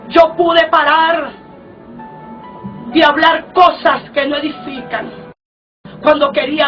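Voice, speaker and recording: A woman with a high voice preaches her testimony slowly, fervent and close to tears at times. She sounds distant from the microphone, muffled and dull, over soft background music. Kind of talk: emotional testimony sermon.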